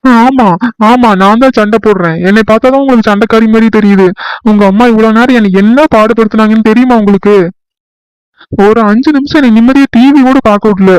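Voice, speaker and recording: A quarrelsome young wife full of self-pity, put on by a man, firing off indignant complaints in a high voice. The sound is smooth and clear, recorded dry and close, as in a comedy skit. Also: steady tone, no room sound, natural voice, low-quality recording. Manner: indignant, complaining, rapid accusations.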